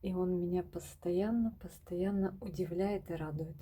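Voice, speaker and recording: Woman, home plant vlogger; dark, mellow, breathy voice, soft-spoken, slips into whispers. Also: lowish voice, moderate pace. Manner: soft-spoken, often drops to a whisper, addresses viewers as girls. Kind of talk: casual plant-collection vlog. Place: home among houseplants, indoors.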